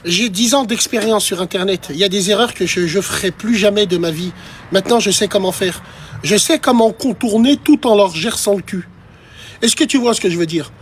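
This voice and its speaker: A man's voice: high voice, brisk, slight background noise. A man ranting on a live stream, talking straight to his chat in a crude, provocative and mocking way. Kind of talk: casual live-stream rant.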